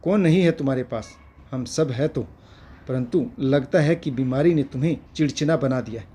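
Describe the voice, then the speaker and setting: A man voicing a dismissive, lecturing middle-aged husband in a read-aloud family story, with a husky voice. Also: medium pitch, moderate pace, mellow, lightly acted. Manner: curt, lecturing reading.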